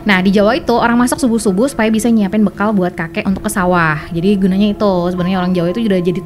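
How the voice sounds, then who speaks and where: A woman's voice: medium pitch, fairly even intonation, racing, darkish tone. A woman from Indonesia co-hosting a podcast, casually retelling a listener's story and explaining as she goes. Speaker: podcast co-host. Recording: faint background noise and ambience.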